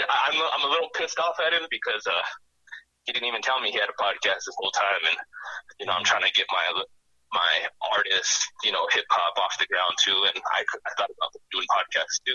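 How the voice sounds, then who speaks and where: A man's voice: on the low side, fast talker, sharp tone, slightly rough, no room sound. A man calls in to share memories, sounding choked up and emotional as he rambles. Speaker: caller. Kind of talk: phone-in tribute memories. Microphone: phone audio call. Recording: dull, dry phone-quality audio.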